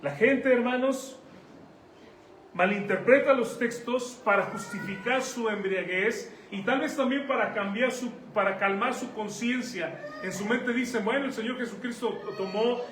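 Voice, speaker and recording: Mexican pastor, high voice, conversational sermon, echoey hall, mic set back from him. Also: male voice, normal speed, a bit bright. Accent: Mexican Spanish. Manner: conversational preaching, asks the congregation questions. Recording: echoey room, mic at a distance, faint noise.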